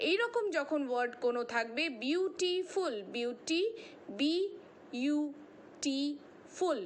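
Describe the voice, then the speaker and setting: A woman teaching an online grammar lesson, explaining slowly and reading English lines aloud word by word. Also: sits high, a bit bright, slight background noise.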